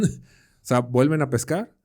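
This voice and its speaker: A man with a mid-range, slightly mellow voice speaks slowly, his intonation lively. He co-hosts a podcast, talking through a Bible passage in a slangy, conversational way, using everyday examples and rhetorical questions.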